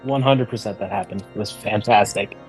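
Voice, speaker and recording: A man's voice: fairly low pitch, brisk, soft background music. A man joining a game stream, teasing and joking with the host.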